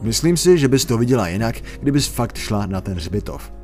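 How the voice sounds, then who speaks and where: A man's voice: mid-range voice, big pitch swings, a little mellow, faint music behind, natural voice. A young man voicing a sly teenage boy in a scary story who sneers and goads. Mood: goading. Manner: sneering, goading.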